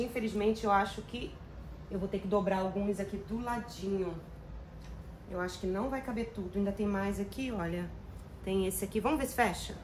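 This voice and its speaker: There's a little hiss or hum in this clip of a middle-aged home organizing vlogger sorting her kitchen drawers. Speaking at a medium pitch, she chats casually, addressing viewers as "gente" and sprinkling in plenty of diminutives.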